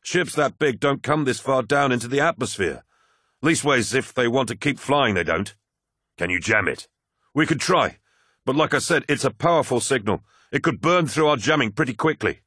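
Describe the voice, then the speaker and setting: A man voicing an excitable starship flight officer who explains things quickly and a little flustered, pitched higher than his own voice. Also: slightly rough, no echo, studio quality. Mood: urgent.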